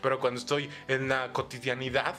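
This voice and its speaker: A man with a Mexican accent co-hosting a casual podcast, talking loudly and crudely and acting out quotes. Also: brisk, soft background music. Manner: loud, animated, swearing, acts out quotes in a high voice. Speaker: podcast co-host.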